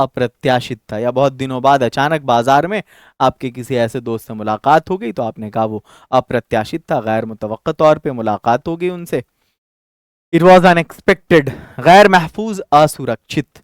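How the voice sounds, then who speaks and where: A man's voice: on the high side, clean tone, no room sound, clean studio sound. A man teaching an online Urdu vocabulary lesson for exam candidates, going word by word, repeating terms and checking in with "okay". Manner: explains word by word, repeats terms, mixes Hindi, Urdu and English; frequent fillers and "theek hai" check-ins.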